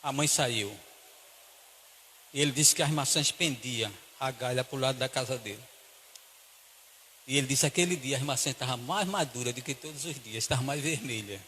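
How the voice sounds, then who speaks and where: A man with a Brazilian Portuguese accent preaching a sermon and telling a story, acting out the voices and swinging between hushed and loud delivery. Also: medium pitch, moderate pace, pauses often, slight background noise. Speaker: pastor. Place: church hall. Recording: church hall with long reverb.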